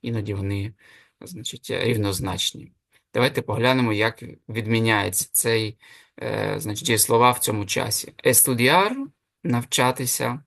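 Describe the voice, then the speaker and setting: A man teaching a Spanish lesson online. He explains step by step, stops often with fillers and self-corrections, and slows down to pronounce the Spanish forms. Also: on the low side, creaky, fairly bright tone, dry recording, studio quality.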